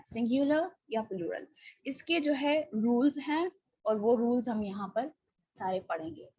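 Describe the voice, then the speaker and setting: Woman with a Pakistani accent, online grammar teacher, bright high voice, dry dull call audio, patient explainer. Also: breathy edge, no echo. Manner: explains patiently, mixing in English phrases. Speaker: English teacher. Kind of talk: online class lecture.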